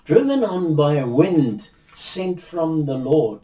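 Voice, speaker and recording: Speaking slowly with a mellow tone, an older man, Afrikaans by first language, gives Bible teaching in an unhurried video indoors, a virtual backdrop behind him. His voice runs on the high side and is very animated, though measured and reflective, with frequent restarts and hand gestures. The recording is distant and echoey.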